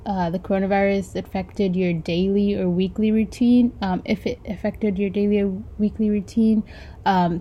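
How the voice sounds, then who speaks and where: A woman conducting an oral history interview, asking polite, measured questions with a few fillers. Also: mid-range voice, mellow, muffled recording.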